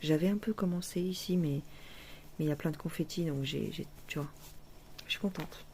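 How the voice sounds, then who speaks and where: Woman vlogger, casual self-mocking chat, creaky gravelly voice, drifts to near whispers, faint noise behind. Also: sits low, brisk, darkish tone. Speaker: cross-stitch vlogger. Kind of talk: casual chat showing her stitching.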